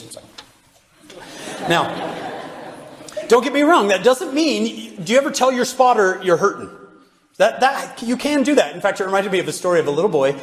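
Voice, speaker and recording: Animated man speaking in an echoing hall. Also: on the high side. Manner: animated, asks the audience many rhetorical questions. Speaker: religious speaker addressing youth. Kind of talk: lively devotional talk to a live audience. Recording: roomy hall with long reverb.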